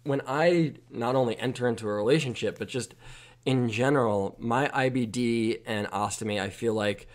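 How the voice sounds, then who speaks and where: A man's voice: medium pitch, moderate pace. Earnest man hosting a podcast. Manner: earnest, asks open questions. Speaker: podcast host. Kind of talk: conversational podcast interview.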